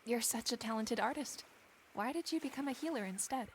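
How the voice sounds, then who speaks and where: A woman's voice: a little high, fairly quick, slight background noise, lightly acted. A woman playing a free-thinking young Regency lady in a stagey period drama, genteel and questioning. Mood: curious, playful.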